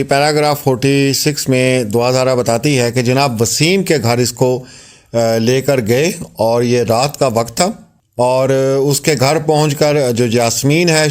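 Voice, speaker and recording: A man's voice: medium pitch, a little mellow. A man narrating and commenting on a court statement for his viewers, in a conversational style with many fillers.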